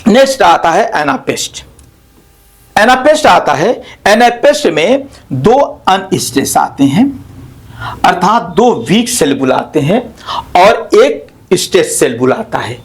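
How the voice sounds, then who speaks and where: A man's voice: sits high, sing-song, slow pace. A man teaching poetic meter in a lecture, repeating words to tap out their stresses and correcting himself as he goes. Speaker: literature teacher.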